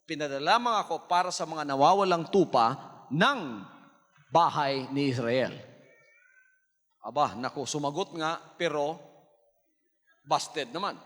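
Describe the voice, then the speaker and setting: A man preaching a sermon with drama, acting out Bible quotes and sometimes shouting. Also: a little high, lively intonation, unhurried, pauses often, long reverb tail. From Philippines. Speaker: pastor.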